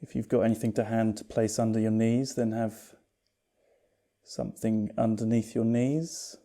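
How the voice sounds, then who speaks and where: A fairly low-pitched man guides a yoga meditation as its teacher. Unhurried and calm, he soothes and gently reassures.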